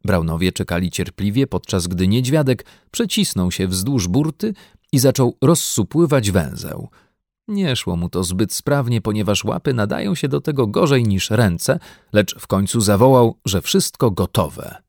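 A man narrating a children's audiobook in an expressive, animated storytelling manner. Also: fairly low pitch, measured pace, dry recording, clean studio sound. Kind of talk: scripted narration.

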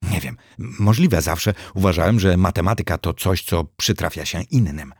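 Guy doing a smug lil hamster god, solemn, deep husky voice. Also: normal speed, no room sound, clean studio sound. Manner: solemn, self-satisfied. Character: pompous self-declared hamster god, male, small.

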